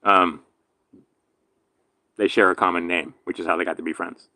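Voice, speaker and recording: A man from Hawaii with a slight lisp from a damaged tooth, rambling through a casual monologue, swinging between loud emphatic bursts and low mutters. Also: level tone, moderate pace, dry recording. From island in Hawaii. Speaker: vlogger.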